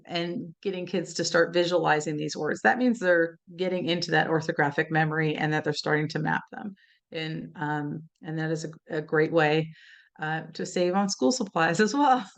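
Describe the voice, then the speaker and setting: A woman presenting an educational webinar, talking conversationally with many "right?" and "you know" asides. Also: lowish voice. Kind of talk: informal teaching talk.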